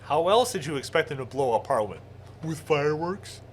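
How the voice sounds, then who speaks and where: A man's voice: fairly high pitch, animated, fairly quick, slight background noise. A man co-hosting a comedy show, recapping a plot in a mock-earnest, sarcastic way. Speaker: co-host pitching a mock script.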